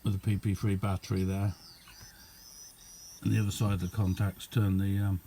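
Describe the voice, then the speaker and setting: A hobbyist showing his homemade radio speaks in a warm voice that sits low, with little pitch movement and a moderate pace. The show-and-tell is casual, unscripted and understated as he rambles along, with a bit of hiss or hum audible.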